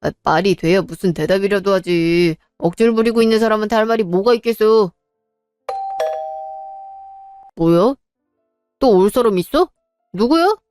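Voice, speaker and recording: A woman's voice: mid-range voice, animated, fairly quick, a little mellow, smooth, no room sound, soft background music, lightly acted. A woman voicing an exasperated married man who argues back at his mother and brother in a narrated drama. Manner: exasperated, argumentative. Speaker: husband character.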